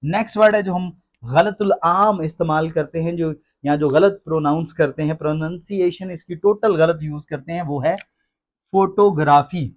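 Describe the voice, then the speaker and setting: Emphatic male pronunciation teacher. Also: fairly high pitch. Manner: repeats words slowly and emphatically, addresses listeners as friends. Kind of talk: classroom-style explanation in Hindi.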